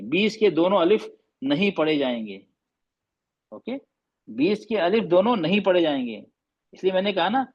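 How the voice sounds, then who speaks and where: High-voiced man teaching a class. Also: a little mellow, muffled recording. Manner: patient, asks the class questions and repeats points; mixes Hindi with English terms. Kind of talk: classroom lesson.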